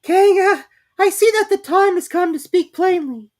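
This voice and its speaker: A woman voicing a small, anxious, indignant male piglet from a children's story, squeaky and spluttering in loud exclamations. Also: moderate pace. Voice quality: shrill, squeaky.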